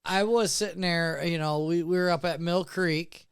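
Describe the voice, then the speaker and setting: A man's voice: fairly high pitch, fairly even intonation, normal speed, vocal fry, clean tone, dry recording, studio quality. A man in his thirties, a podcast co-host who jumps in with his own story in casual chat. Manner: chiming in with his own story, some repeated starts.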